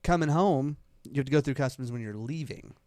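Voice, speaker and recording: A man's voice: medium pitch, a little fast, a little mellow, no room sound, studio quality. A man, co-hosting a casual podcast and telling a rambling story full of repeats and asides. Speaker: podcast co-host. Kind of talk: casual chat.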